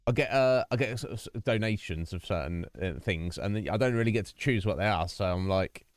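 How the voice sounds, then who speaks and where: Speaking fairly quickly in a fairly low voice, this livestream host rambles casually to his viewers and keeps restarting sentences. He uses a noise-gated desk mic, and there's no room sound at all.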